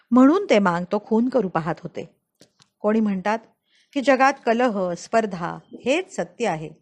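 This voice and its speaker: Expressive Marathi woman audiobook narrator. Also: on the high side. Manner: dramatic, deliberate storytelling. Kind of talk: expressive audiobook reading of a memoir.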